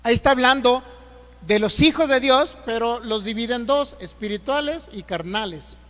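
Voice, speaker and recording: A male pastor with a Mexican accent preaching a sermon, reading scripture slowly and loudly and then explaining it with rhetorical questions. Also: extremely high pitch, long reverb tail. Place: church hall.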